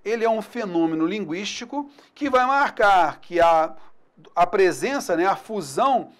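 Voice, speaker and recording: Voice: mid-range voice, lively intonation, measured pace. A teacher with a Brazilian accent giving a recorded exam-prep grammar lesson over screen slides, casual and upbeat, checking in with the students after nearly every point. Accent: Brazilian Portuguese.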